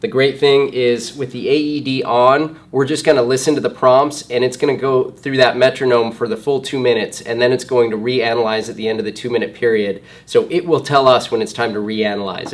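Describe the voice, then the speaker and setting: A man instructing in first aid, explaining each step plainly during a hands-on demonstration. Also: medium pitch.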